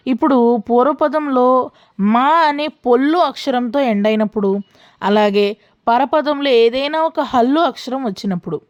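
A woman teaching a grammar lesson, slowing down for each worked example and often asking the listener if they have followed. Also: a little high, darkish tone. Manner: asks the listener frequent check questions; slows down to spell out worked examples.

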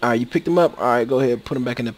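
A man's voice: medium pitch, very fast. A man giving casual, rambling gameplay commentary into a USB microphone, with many fillers and restarts. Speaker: video game commentator. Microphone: USB microphone that cuts out.

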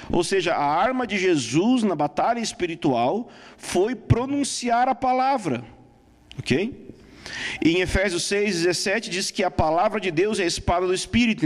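A man with a notably high voice teaching a sermon on prayer, pressing each point home and stopping to check his listeners follow. His voice rings out with a long hall reverb behind it. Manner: emphatic, scripture-citing, checks in with the audience.

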